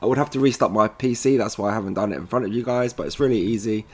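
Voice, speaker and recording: A fairly low-pitched, slightly rough male voice rattles along rapid-fire. He presents product setup tutorials, casually guiding viewers through each step and calling them guys.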